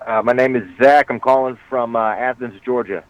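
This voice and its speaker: A man's voice: medium pitch, flat delivery, moderate pace. A man from Boston calling in to a show over a clipped phone line, talking hesitantly with many filler sounds. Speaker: caller. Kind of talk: call-in chat. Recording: tinny dry phone line.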